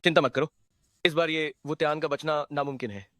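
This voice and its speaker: A man's voice: on the high side, fairly even intonation, fairly quick, fairly bright tone, lightly acted. A man voicing a sly, persuasive schemer laying out a plot. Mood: conspiratorial. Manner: persuasive, conspiratorial. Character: sly scheming ally, smooth-talking plotter. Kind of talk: Hindi-dubbed drama.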